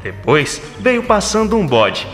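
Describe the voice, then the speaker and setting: A man narrating a scripted children's story in an expressive, theatrical way. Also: high-pitched, slow. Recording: echoey, long reverb, music behind.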